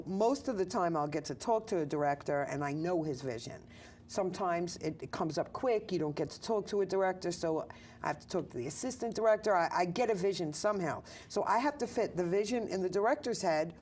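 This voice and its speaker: A woman's voice: on the low side, darkish tone, distant mic, a little hiss or hum. A woman working as a casting director, talking in a chatty interview, often laughing and repeating words. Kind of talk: casual interview.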